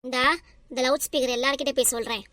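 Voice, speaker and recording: A high, fast-talking cartoon gossip aunt, played by a woman, nosy and scheming, with a Tirunelveli Tamil accent. She exclaims her way through everything she says. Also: fairly even intonation, a bit bright, no echo. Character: nosy middle-aged village gossip woman.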